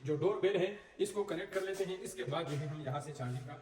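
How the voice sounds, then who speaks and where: This installer narrates his work as an informal tutorial, explaining each step and going over things again. His voice is on the high side with a darkish tone and a quick pace, recorded on site where background noise is plainly heard.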